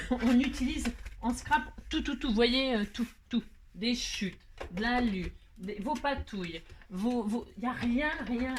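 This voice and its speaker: Chatty French-speaking woman host, rather high. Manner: chatty, self-mocking, rambling with laughs and asides. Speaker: crafting tutorial host. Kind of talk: casual craft tutorial chat.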